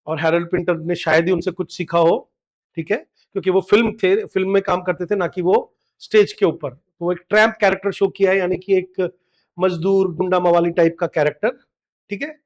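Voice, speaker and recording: Indian male tutor, middle-aged, high and clear voice, patient exam-prep lecturing style. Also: steady tone. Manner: explains step by step, reads English quotes slowly. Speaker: literature teacher. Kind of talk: exam-prep lecture, Hindi mixed with English.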